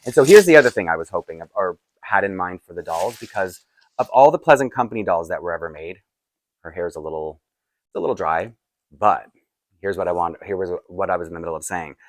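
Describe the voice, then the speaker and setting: A man with a deep, groggy voice chats casually and rambles through an unboxing as a doll collector and vlogger. He talks fast with lively intonation, chuckling and breaking into asides that interrupt himself, and there's no echo.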